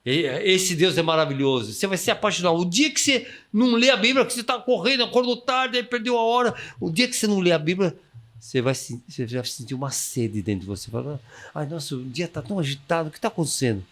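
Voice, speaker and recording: This is a man, a missionary, talking on a podcast with a fairly high, very lively voice that rises and falls. He gives his advice with a preacher's fervor and now and then slips into other people's voices to quote them. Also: fast talker. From Brazil. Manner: exuberant, acts out quoted inner voices, calls for amens. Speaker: missionary guest. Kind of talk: enthusiastic preaching-style advice.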